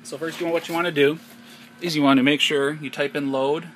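Speaking a little fast in a slightly high, flat voice, this American man from the United States narrates an unscripted tech tutorial one step at a time. He explains as he goes, and the handheld camera picks him up with noisy, amateur-quality sound.

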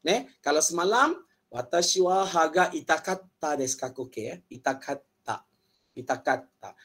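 A man with a Malaysian accent runs a lively online Japanese lesson, joking with students and drilling words over and over. His voice sits a bit high for a man. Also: moderate pace. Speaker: Japanese language teacher. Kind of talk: online language class.

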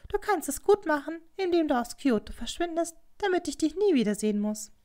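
A woman reading a proud, cruel young geisha whose voice climbs far higher than the narration. She pleads and scorns in a shrill, pointed tone, with a lively, swooping pitch, for a storybook recording. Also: fairly quick. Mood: cold.

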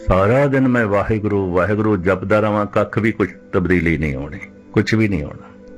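A man preaching a religious discourse in a measured, deliberate way, slowing right down when he quotes scripture. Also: fairly low pitch, faint music behind. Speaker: Sikh preacher.

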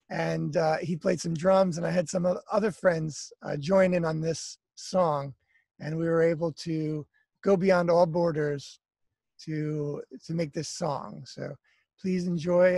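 Calling in on a laptop webcam from a garden outdoors among trees, an American musician in his thirties talks as a guest speaker. His fairly high voice carries vocal fry with no room sound, and he is relaxed, chatty and apologetic, using lots of fillers.

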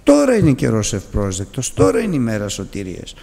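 A man preaching with a gravelly, animated voice that swings from low murmurs to high, pressing questions. He sounds fairly high for a man. A long hall reverb trails every phrase. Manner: animated, pleading rhetorical questions. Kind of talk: sermon.

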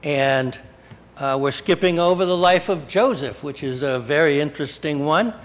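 A middle-aged man preaching a sermon as pastor in a small church, unhurried and often correcting himself mid-sentence. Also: fairly high pitch. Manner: slow, unhurried delivery with frequent self-corrections. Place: small church sanctuary, indoors.

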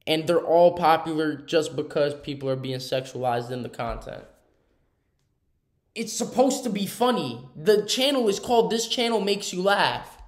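A man's voice: fairly high pitch, lively intonation, moderate pace. A young man giving casual reaction commentary in a slangy, exasperated, ranting way. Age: young adult. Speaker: host of a reaction channel. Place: small room indoors.

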